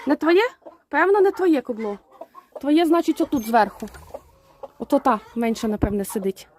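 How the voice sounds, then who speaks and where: In this casual farmyard vlog, a woman tending her homestead talks to her hens and geese in the coop, her high, expressive voice carrying a darkish tone at a moderate pace. The background is noisy with clucking hens.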